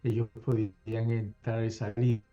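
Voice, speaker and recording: Male host, slow and mellow, tentative delivery, dull lo-fi audio. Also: lowish voice, flat delivery, soft background music. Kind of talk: casual podcast conversation.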